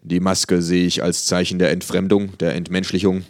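A man voicing a pompous, gushing male art critic in an audiobook, with a booming, effusive delivery. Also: flat delivery, moderate pace, dry recording. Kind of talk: audiobook character voice.

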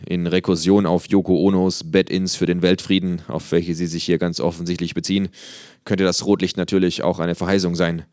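A man voicing a pompous, gushing male art critic in an audiobook, with a booming, effusive delivery. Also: little pitch movement, a little fast, a little mellow, dry recording, studio quality, close to an everyday voice. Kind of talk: audiobook character voice.

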